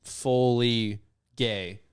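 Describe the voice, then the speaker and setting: A man's voice: mid-range voice, fairly even intonation, very slow, smooth. A young adult man co-hosting a casual podcast, joking crudely and boasting among friends. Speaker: podcast co-host. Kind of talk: casual chat.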